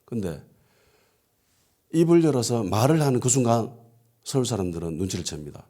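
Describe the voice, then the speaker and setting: Gyeongsang-accented male pastor, storytelling sermon, warm mellow tone, animated delivery. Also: medium pitch, moderate pace. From Gyeongsang region, South Korea. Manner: storytelling with quoted voices and frequent affirming "예". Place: church.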